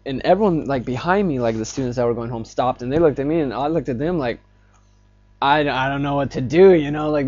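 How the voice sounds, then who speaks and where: A man's voice: mid-range voice, a little mellow, lo-fi sound. A young man telling a rambling personal story to his phone camera in a casual vlog, full of fillers. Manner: rambling, filler-heavy, grows agitated as the story builds. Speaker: vlogger.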